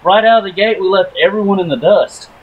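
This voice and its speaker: A man's voice: sits high, fast talker, phone-quality sound, slight background noise. A man in his mid twenties, co-hosting a casual gameplay chat in a talkative, rambling way. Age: 20s. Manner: talkative, rambling, laughs often. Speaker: gaming channel co-host.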